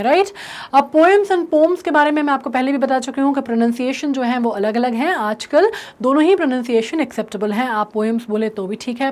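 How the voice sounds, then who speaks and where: A young woman with an Indian accent, an English teacher explaining a poem in an online class, lively and checking in with her students often. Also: high-pitched.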